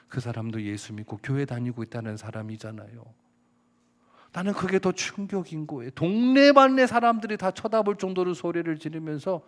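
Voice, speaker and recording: This sermon comes from a middle-aged man with a fairly high-pitched voice. As a pastor, he tells stories from his own life, performs the dialogue he quotes, and now and then breaks into a shout.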